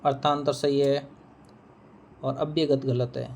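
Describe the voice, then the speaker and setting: A man's voice: mid-range voice, level tone, unhurried, gravelly, darkish tone. A man teaches Hindi, going through an exam answer key one question at a time. He repeats each correct answer and asks his students questions that he answers himself. A faint background noise runs under his voice.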